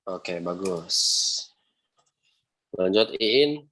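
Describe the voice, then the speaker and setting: A young adult man teaching Quran recitation, patiently repeating sounds slowly and ending phrases with "ya". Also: sits low, animated. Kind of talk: online class instruction with recitation examples.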